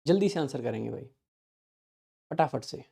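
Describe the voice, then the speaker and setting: A man with a mellow, relaxed tone runs an online exam-prep grammar lesson. He reads each example sentence slowly and clearly, then turns to his students with quick questions to check they follow. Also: mid-range voice. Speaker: English teacher for exam prep.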